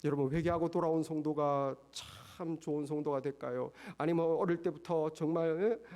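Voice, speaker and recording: A man preaches as a pastor, forceful and full of rhetorical questions, alternating between raised stretches and soft, low-voiced asides.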